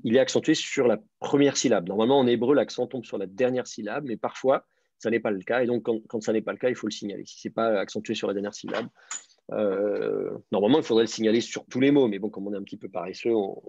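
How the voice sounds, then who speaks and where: A man teaching, his voice low and husky, stopping often to hesitate and repeat himself as he explains step by step. The recording is close and dry, with slightly dull, lo-fi sound. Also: darkish tone, dry recording. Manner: hesitant, many fillers and repeated words, patient explaining. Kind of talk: explanatory online class lecture.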